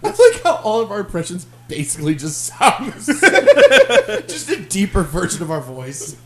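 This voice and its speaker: Laughing male co-host running a podcast game, very animated. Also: sits high, normal speed. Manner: laughing, joking, runs the game. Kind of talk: casual chat.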